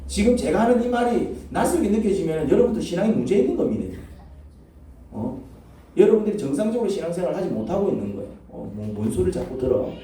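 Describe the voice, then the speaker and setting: A man's voice: sits high, sing-song, fast, dark tone, a little hiss or hum. Echoey preacher quizzing his congregation. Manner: rhetorical questions to the congregation. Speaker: pastor. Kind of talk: sermon. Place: church sanctuary. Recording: echoey church from a distance.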